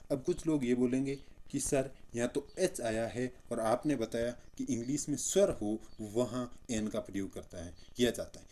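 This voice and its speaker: A man's voice: mid-range voice, a little mellow. A male teacher giving an exam-prep grammar lesson, drilling points with repeated questions he answers himself.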